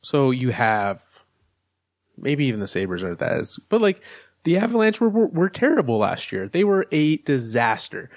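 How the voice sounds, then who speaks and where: A man's voice: medium pitch, huge pitch swings, moderate pace, no echo. Dry-sounding analytical man co-hosting. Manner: analytical, lays out arguments step by step. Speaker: podcast co-host. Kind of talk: casual sports chat.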